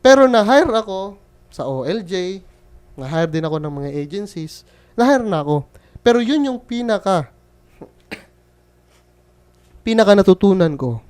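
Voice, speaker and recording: High-voiced, clear young man from the Philippines. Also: a little mellow. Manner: chatty, joking storyteller who quotes others. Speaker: freelance bookkeeper, vlogger. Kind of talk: casual storytelling vlog.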